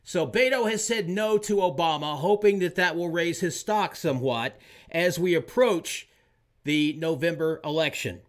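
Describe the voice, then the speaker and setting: A man's voice: a little high, moderate pace. A man from Oklahoma, hosting a show and delivering an opinionated political monologue with emphatic, repeated lines. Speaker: show host.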